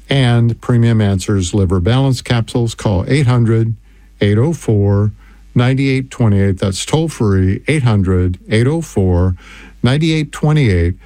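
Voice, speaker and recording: An older man hosting a radio health show, reading customer testimonials and repeating a toll-free number in an earnest sales pitch. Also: takes it slowly, warm tone, no room sound.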